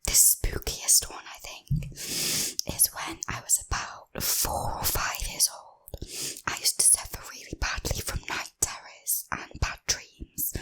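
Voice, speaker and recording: A woman, hosting an ASMR channel and whispering a spooky personal story in a slow, confiding way into a close microphone. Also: pushed and bright, rough recording. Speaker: ASMR host.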